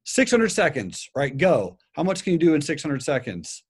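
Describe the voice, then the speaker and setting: A man in casual conversation, calmly giving practical advice on trading discipline. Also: on the high side, normal speed, slightly rough.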